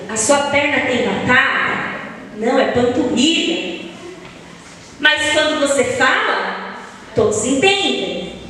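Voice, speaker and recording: A woman's voice: fairly high pitch, a little hiss or hum. A woman leading a Bible study, asking the audience questions and answering them herself, drawing out her examples. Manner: lively, drawn-out emphasis on examples. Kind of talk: church Bible study lesson. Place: church hall. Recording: echoey hall, voice from far off, faint ambience.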